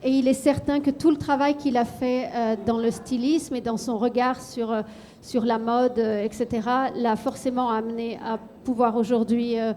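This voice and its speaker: A woman's voice: a little high, level tone, a little fast, mellow. A woman hosting and interpreting a café talk, hesitating often with fillers and repeated words. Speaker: host and interpreter. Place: café event room.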